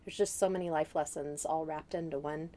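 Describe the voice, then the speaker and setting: Mellow low-voiced woman. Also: steady tone, a little fast, slight background noise. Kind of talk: casual interview talk.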